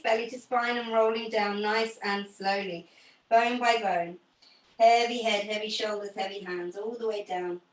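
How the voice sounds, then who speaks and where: A young woman teaching a pilates class over a video call, giving gentle, encouraging cues. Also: medium pitch, distant mic. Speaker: pilates instructor. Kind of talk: guided exercise class instruction. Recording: roomy sound from off the mic.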